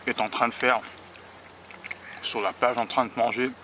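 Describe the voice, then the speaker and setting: A man's voice: mid-range voice, steady tone, moderate pace, bright, forceful tone. A man from the United States talking casually on a vlog while eating outdoors by a beach, musing and self-conscious, often restarting his sentences. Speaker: food-tasting vlogger. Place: outdoors by a beach near rail tracks. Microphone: handheld camera or phone filming himself. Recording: outdoor traffic and vehicle noise.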